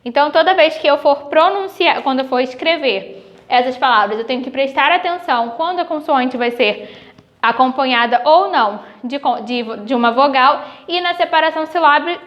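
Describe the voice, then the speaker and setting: A woman teacher with a Brazilian accent giving a recorded grade-school lesson, patiently spelling out sounds slowly. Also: high voice, muffled recording. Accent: Brazilian Portuguese.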